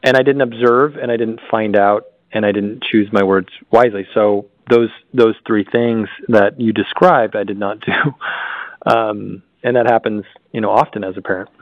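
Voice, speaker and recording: A man who is a father, co-hosting a podcast and reflecting candidly in a relaxed conversational way. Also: fairly low pitch, normal speed, dry recording, muffled recording. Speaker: podcast co-host.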